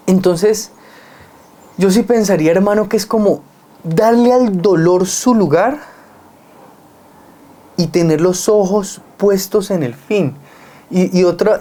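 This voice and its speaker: A Colombian man talks earnestly in a relaxed, reflective conversation, his tone warm and mellow. He explains his points through plain everyday examples, and his voice sits high.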